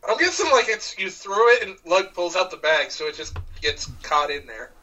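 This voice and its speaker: A man with a high, bright voice talks through his moves in a tabletop game, hedging with plenty of fillers. He sounds tentative, as if checking the rules while he speaks. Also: big pitch swings, moderate pace, lo-fi sound. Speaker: player. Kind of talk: casual game talk.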